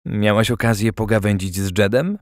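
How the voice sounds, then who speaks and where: A man voicing a flustered, gruff older grandfather in an audiobook, blustering as he talks. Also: on the low side, steady tone, normal speed, no room sound, clean studio sound, close to an everyday voice. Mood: probing.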